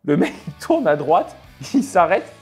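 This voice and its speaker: Fairly high-voiced man commenting on race clips. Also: husky, faint music behind. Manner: chatty and expressive, reacts aloud to crashes; talks in halting bursts with many fillers. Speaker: sim racing video creator.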